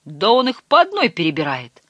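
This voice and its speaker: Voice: medium pitch, huge pitch swings, fairly quick, pushed and bright, no echo, highs cut off, pitched above the performer's own voice, full character voice. A reader voicing a big, jovial sailor with a hearty, mocking way of talking.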